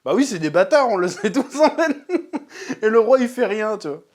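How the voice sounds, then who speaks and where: High-pitched and animated, a young man reviewing a TV series chats through an episode in a casual, slangy manner. He often switches into fast acted voices to play the scenes back.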